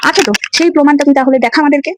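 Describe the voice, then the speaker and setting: A woman speaking to camera at a breakneck clip in a high voice. She hammers her points home over and over, challenging and insistent. A faint hiss sits under the recording. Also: steady tone, rapid-fire. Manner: forceful, repetitive, challenging. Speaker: vlogger. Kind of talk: angry direct-to-camera rant.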